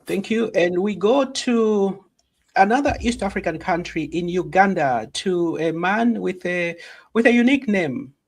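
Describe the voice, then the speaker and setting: A man with a fairly high voice moderates an online discussion panel. He introduces each guest in a formal way and repeats his thanks. The sound is ordinary video-call audio. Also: animated, unhurried. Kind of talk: webinar moderating. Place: home.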